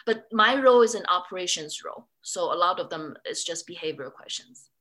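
A woman's voice: fairly low pitch, animated, fairly quick, bright, forceful tone. A woman from Singapore speaking in a casual interview, chatty with many fillers and restarts. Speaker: interviewee, former student.

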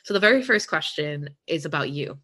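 A woman with a low voice leads a panel conversation as host. She speaks in a friendly but halting way, restarting her sentences and slipping Spanish words into her English. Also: lively intonation, pushed and bright, slight background noise.

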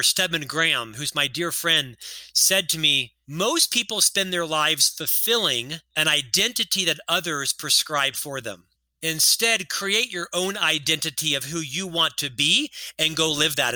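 A man in his fifties with a stutter speaks in a bright, forceful voice on the high side, captured in a dry, rough recording. He's an author appearing as a podcast guest in a casual interview, telling his story earnestly and lecturing with statistics.

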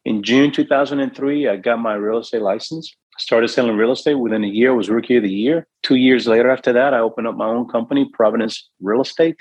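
A man's voice: medium pitch, quick pace, few pauses, a little mellow, slightly rough, no echo, lo-fi sound. A middle-aged man from New York, a real estate investor and guest, telling his life story earnestly and acting out the voices in his head. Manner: earnest, acts out his own inner voice. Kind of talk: emotional storytelling.

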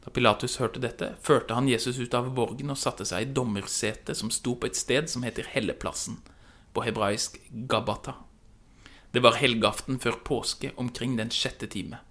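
Bright-voiced man reading scripture aloud. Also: medium pitch. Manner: measured, expressive narration. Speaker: scripture reader.

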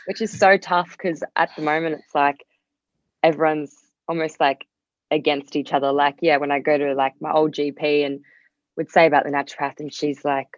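An Australian woman with a deep voice talks casually as a podcast guest at a normal speed, her intonation fairly even. Her sentences are loose and heavily sprinkled with "like." The recording sounds roomy and a bit dull.

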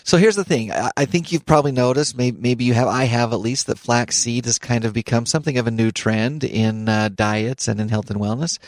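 In a radio studio, a middle-aged man hosts a health show, chatting casually, laughing often, and tripping over repeated words as he reads. His mid-range voice moves briskly with few pauses. The studio microphone gives a dry recording.

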